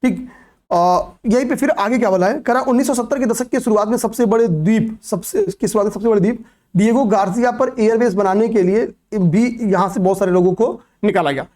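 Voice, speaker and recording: A man's voice: sits high, fairly quick, darkish tone. A man teaching an exam-prep class, who keeps repeating points, asks questions and answers them himself, and often says "okay, pay attention.". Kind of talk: classroom lecture on current affairs.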